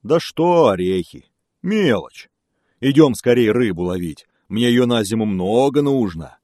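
A man puts on a big, clumsy, greedy bear from a storybook. The voice booms and drags, loud and slow. It sits a bit higher than his low reading voice. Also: lively intonation, dry recording, studio quality. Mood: gruff. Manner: booming and slow, gruff.

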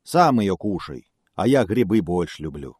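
A man voicing a big, clumsy, greedy male bear who talks gruffly and slowly. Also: very animated, a little mellow, no room sound, clean studio sound, heavily acted. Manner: booming and slow, gruff.

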